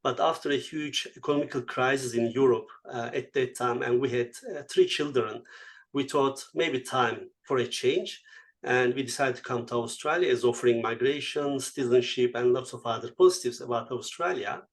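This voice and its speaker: A man's voice: medium pitch, moderate pace. A man in his fifties from Turkey with a Turkish accent, a guest speaker answering interview questions reflectively, with frequent fillers and non-native English phrasing.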